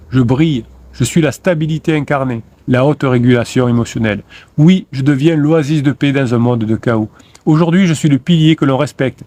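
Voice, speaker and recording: A man's voice: a little high, darkish tone. A man, a motivational coach, reciting first-person affirmations in a declamatory, repetitive way.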